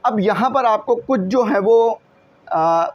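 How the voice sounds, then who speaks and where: A man teaching an English lesson, patiently repeating each word slowly so students get the pronunciation right. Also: sits high, highs cut off. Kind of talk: classroom lesson walkthrough.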